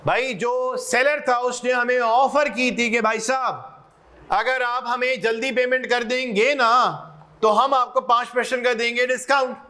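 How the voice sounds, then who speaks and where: A man's voice: very high voice, steady tone, unhurried, sharp tone. A male accounting lecturer, giving a classroom lecture, slipping English terms into his explanations and quizzing students as he goes. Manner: jokes and teases students.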